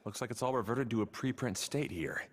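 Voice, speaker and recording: A man's voice: medium pitch, brisk, a little hiss or hum, close to an everyday voice. A man voicing a practical young guide in a video game, casual and helpful, explaining things like a know-it-all. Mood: explanatory. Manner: explanatory, with hesitant technical asides. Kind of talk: video game character acting.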